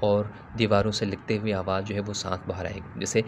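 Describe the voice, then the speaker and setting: Low-voiced man teaching recitation. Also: flat delivery, slight background noise. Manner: stops to model Arabic sounds slowly and with stress. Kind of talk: instructional talk on pronunciation.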